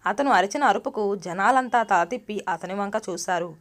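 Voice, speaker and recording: A woman storyteller narrating a moral story in a steady, even reading voice. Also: mid-range voice, moderate pace.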